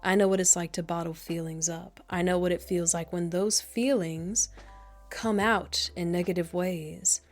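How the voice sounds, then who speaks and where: A woman ASMR creator talking in a soft, proper and a little monotone whispered role-play manner, slightly nasal, cooing endearments. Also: on the low side, measured pace, soft background music. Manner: coos endearments like darling.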